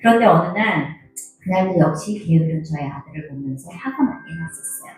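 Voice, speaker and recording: Middle-aged woman telling her testimony at church, lively, acts out scenes, warm lowish voice, really echoey hall. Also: brisk. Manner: animated storytelling, acting out quarrels. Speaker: church member giving testimony. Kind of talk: personal testimony.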